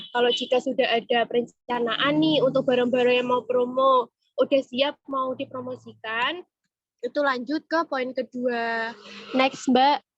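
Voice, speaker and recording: Sick with a cold and cough, a retail trainer presenting a webinar speaks in a fairly bright voice on the high side, keeping things informal and checking in with listeners often. The online-meeting audio is muffled and dull, with no room sound.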